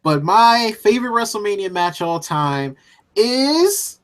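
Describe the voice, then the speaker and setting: A man co-hosting a casual podcast chat, telling an animated, jokey story. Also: high voice, measured pace. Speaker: co-host.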